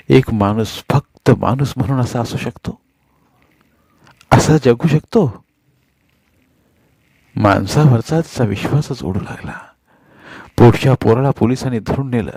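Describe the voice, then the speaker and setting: Male audiobook reader, middle pitch, expressive, dry close recording. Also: breathy edge, no echo. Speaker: audiobook narrator. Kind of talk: audiobook story reading.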